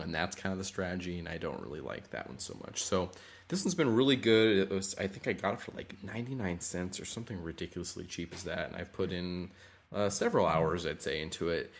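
A man co-hosting a podcast in a casual, rambling way, recorded in a room with more echo than usual. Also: low-pitched. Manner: relaxed, rambling, with ums. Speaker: podcast co-host. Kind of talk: casual chat. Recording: echoey room.

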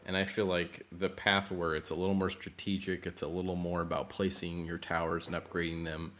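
A man's voice: sits low, flat delivery, a little fast, a bit bright. A man hosting a podcast, chatting casually about games from a slightly echoey room at home. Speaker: podcast host. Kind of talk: casual gaming podcast chat.

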